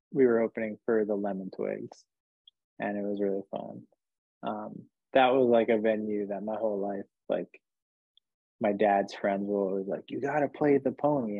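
Husky New Jersey man on a tinny line. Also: on the low side, dry recording. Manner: rambling, joking, many fillers. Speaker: musician guest. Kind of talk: casual interview chat.

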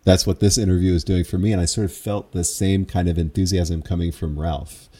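A man's voice: low-pitched, steady tone, a little fast, warm tone. A man who calls square dances, recalling in a casual interview how he learned his craft, in a meandering, reflective, self-amused way.

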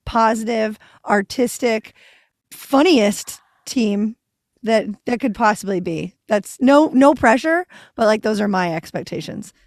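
A woman hosting a podcast, telling stories in a chatty, animated way. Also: a little high, measured pace, no echo, studio quality. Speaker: podcast host. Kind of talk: casual chat.

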